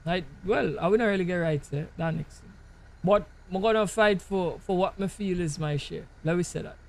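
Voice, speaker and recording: High-voiced Jamaican man musing over gameplay. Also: moderate pace. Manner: musing, keeps checking in with the listener. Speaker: gaming channel host. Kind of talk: casual rambling commentary over gameplay. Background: truck driving game sounds.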